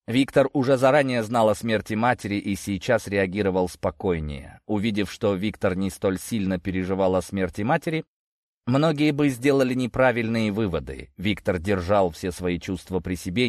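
A man narrating an audiobook in an even, measured way. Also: fairly low pitch, no room sound, studio quality.

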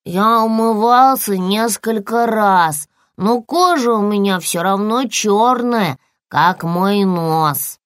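Brief: a woman doing a earnest little bear cub, lively voice. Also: mid-range voice, takes it slowly, no echo, clean studio sound. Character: young male polar bear cub.

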